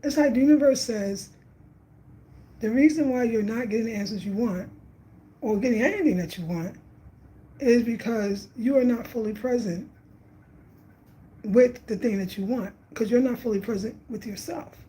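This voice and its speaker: In a fairly high but dark-toned voice at normal speed, with long pauses, a fifty-something travel vlogger from Brooklyn, New York reflects casually on travel and spirit. She repeats phrases for emphasis, and the audio is poor.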